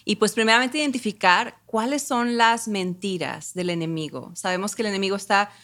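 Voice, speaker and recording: A woman's voice: mid-range voice, a little fast, a bit bright. A woman hosting a church podcast, chatting casually and enthusiastically with her guests. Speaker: podcast host.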